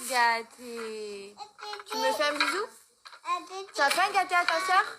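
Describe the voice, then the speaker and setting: A mother croons repetitive baby talk to her small children. Her voice sits very high and sing-song. A loud wash of noise runs behind her. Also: big pitch swings, unhurried.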